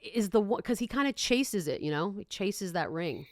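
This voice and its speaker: A woman's voice: mid-range voice, expressive, moderate pace, no echo. Wry woman podcast host, dry close sound. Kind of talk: casual chat.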